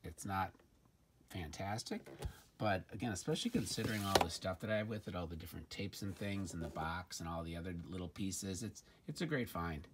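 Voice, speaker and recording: A man with a low voice talks a little fast as he presents a gadget review, demoing the product hands-on at an indoor tabletop. Informal and slightly hesitant, he seems to be thinking aloud, with faint background noise and handling clicks in the recording.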